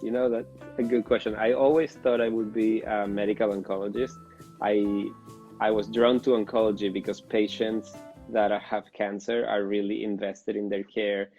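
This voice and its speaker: A man from Venezuela, a physician in his thirties, gives measured interview answers. His voice sits low and gravelly with little rise and fall. The sound is dull and lo-fi with no room echo. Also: little pitch movement, dark tone, soft background music. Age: 30s. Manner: thoughtful, measured explaining with fillers. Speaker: fertility doctor, guest.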